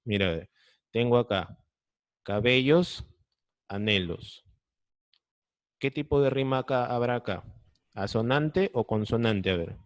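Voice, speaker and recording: Over a video call, a Peruvian Spanish-accented man teaches an online class, patiently walking through each step and frequently making sure his students keep up. He sounds animated, with a mid-range voice at normal speed and no echo.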